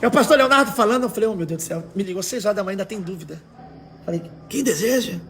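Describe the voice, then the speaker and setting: This Brazilian evangelical preacher has a very high voice that is hoarse and raspy, with a fairly bright tone and a bit of hiss or hum in the audio. His rapid-fire, expressive sermon is casual and forceful, full of rhetorical questions and urgings in a livestream style.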